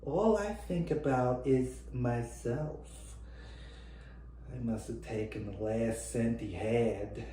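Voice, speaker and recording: A weary, remorseful figure played by a man speaks slowly in radio play style. The voice is in an echoey room with some noise. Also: medium pitch, warm tone, recorded from a distance, natural voice. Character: remorseful person, weary and self-reproaching. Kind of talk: radio play audition acting.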